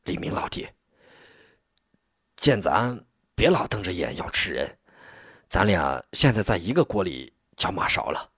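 A man's voice: low voice, sing-song, measured pace, pauses often, pushed and bright, husky, dry recording, clean studio sound, full character voice. A man voicing a smug, sly turncoat who talks in a wheedling way.

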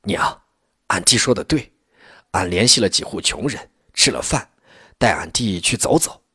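A man voicing a poor peasant farmer who asks earnest, wary questions, with a husky voice. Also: fairly low pitch, lively intonation, moderate pace, pushed and bright, dry recording, studio quality, full character voice. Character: poor middle-aged peasant man, wary but warm.

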